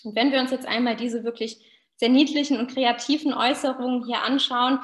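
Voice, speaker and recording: The echoing webcam sound of a small indoor room frames this online lecture by a university researcher in her thirties. Speaking to her audience directly, she explains her material briskly in a fairly high voice with fairly even intonation.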